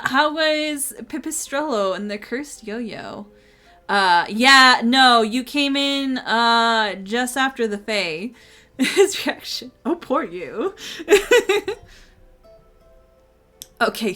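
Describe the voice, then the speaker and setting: A woman's voice: on the high side, animated, very slow, sharp tone. A woman live-streaming a game with casual commentary in a cute, bubbly, giggly manner. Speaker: variety streamer and VTuber. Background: game music.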